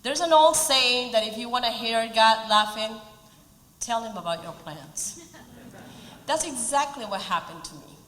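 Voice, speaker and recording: This prepared speech at a community event comes from a woman in her forties from Peru, whose Peruvian Spanish accent colors her earnest, lightly humorous words. She sounds a little high, animated and a bit bright, keeping a measured pace, with roomy reverb from the event hall.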